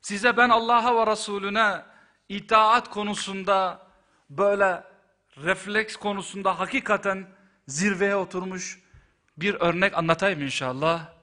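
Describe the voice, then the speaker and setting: A man delivering a sermon with fervent storytelling. His voice is bright and forceful, pitched a bit high. He drops to hushed, slow lines and then rises to loud, near-shouted passages. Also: steady tone. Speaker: preacher.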